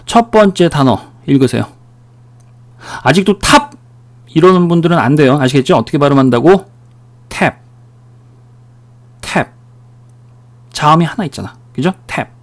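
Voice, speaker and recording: A man giving a recorded English pronunciation lecture, drilling words and asking the listener questions as he goes. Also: fairly high pitch. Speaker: English teacher.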